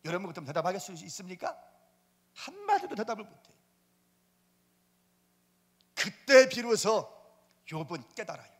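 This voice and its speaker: A man's voice: high-pitched, big pitch swings, moderate pace, pauses often, husky. A man preaching a Korean sermon, dramatic and emphatic, acting out scripture dialogue and often calling out to the congregation. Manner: dramatic, voices God and Job in turn, addresses the congregation as 여러분. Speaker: pastor. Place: church sanctuary. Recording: church hall reverb.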